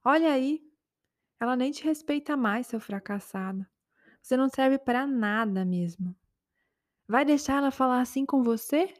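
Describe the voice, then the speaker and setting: A woman voicing the taunting inner voices in a man's head, speaking low, quiet and sneering in a spoken story. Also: normal speed, natural voice. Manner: sneering, contemptuous.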